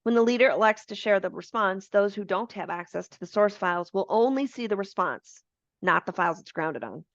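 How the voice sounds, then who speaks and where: A woman co-hosting a business webinar, walking through software features step by step in a friendly, informal way over a video call. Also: medium pitch, animated, a little fast, no echo, highs cut off. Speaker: webinar co-presenter.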